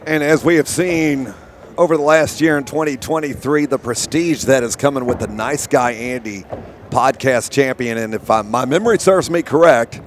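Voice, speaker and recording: A man with a hoarse, sore throat calling a live wrestling match and hyping up the people around him. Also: mid-range voice, moderate pace. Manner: hype, announcer-style introductions. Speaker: wrestling commentator. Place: commentary desk at an indoor wrestling show in an education center. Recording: heavy background noise at a live show.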